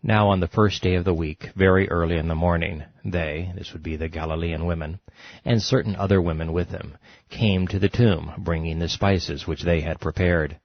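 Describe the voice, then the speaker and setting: A man reading scripture passages in a solemn, steady manner. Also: low voice, moderate pace, no room sound, lo-fi sound. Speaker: scripture reader.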